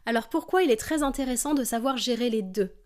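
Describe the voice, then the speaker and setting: A woman teaching a singing lesson, explaining vocal technique calmly and demonstrating exercises. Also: on the high side, fast.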